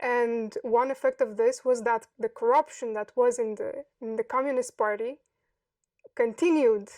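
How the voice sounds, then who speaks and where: A woman in her thirties from Romania, giving reflective interview answers in a thoughtful, hesitant way with many pauses. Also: on the high side, fairly even intonation, a little mellow, dry recording, far from the mic. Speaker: podcast guest.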